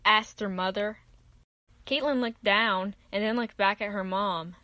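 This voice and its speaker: A woman narrating a children's Bible story in a clear, even read-aloud voice. Her pitch sits in the middle range, and the recording is dry and close with no room sound. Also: measured pace, dry recording.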